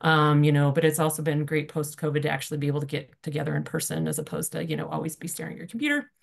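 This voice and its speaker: A woman on a video call giving a quick, informal report from her breakout group, talking fast with lots of "um" and "you know". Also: sits low, vocal fry. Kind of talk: online workshop report-out.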